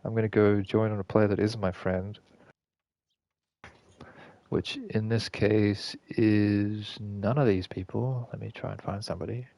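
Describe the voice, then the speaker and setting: Man, game streamer: low, gravelly voice, rambling and casually profane commentary. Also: fairly even intonation, a little slow, dark tone. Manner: rambling, self-correcting, swears casually. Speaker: gaming streamer.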